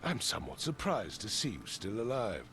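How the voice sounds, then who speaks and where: A man's voice: on the low side, huge pitch swings, normal speed, over music. A man playing a brusque, imperious town boss in a video game, speaking in a curt, formal, commanding way. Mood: grave, measured. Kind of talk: video game dialogue acting.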